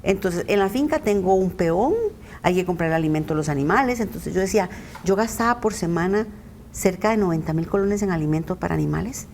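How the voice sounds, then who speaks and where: A woman's voice: on the low side, expressive, a little fast, darkish tone, slight background noise. A middle-aged woman giving an earnest personal testimony as a podcast interview guest. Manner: earnest, recounting, often acting out quoted voices.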